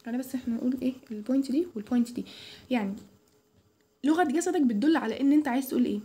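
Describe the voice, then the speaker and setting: A woman's voice: high voice, very fast, warm tone, breathy edge. A young woman with an Egyptian Arabic accent giving an informal lecture, chatty, with many restarts and English terms mixed in. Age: young adult. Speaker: student tutor.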